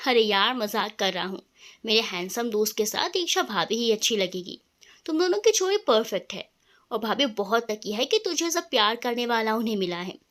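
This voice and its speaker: A woman's voice: on the high side, normal speed. Woman reading as a jokey young friend. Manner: jokey, flattering. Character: joking young man, nervous loyal friend.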